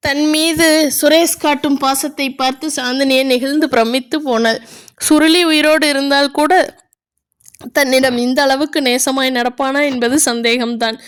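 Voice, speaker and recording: A woman's voice: high-pitched, steady tone, moderate pace. A woman reading a family story aloud as narrator, telling it in a plain storybook manner.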